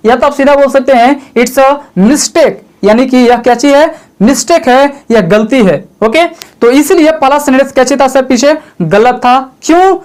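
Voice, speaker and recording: A man's voice: very high-pitched, moderate pace, darkish tone. A man giving a spoken grammar lesson, asking himself questions and answering them, repeating each point and addressing the viewer as "sir" in a chatty tone. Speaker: English grammar teacher.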